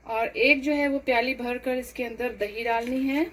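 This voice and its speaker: A woman's voice: a little high, steady tone, fairly bright tone, a little hiss or hum, poor audio. Woman, cooking tutorial. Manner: unhurried, explains each step with many fillers. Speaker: cooking channel host. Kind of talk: home cooking demonstration voice-over.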